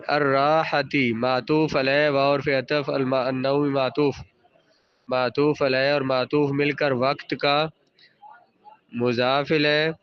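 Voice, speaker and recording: A man's voice: medium pitch, clean tone, dry recording, lo-fi sound. A male teacher giving a classroom grammar lesson, parsing sentences aloud and patiently quizzing students and repeating their answers.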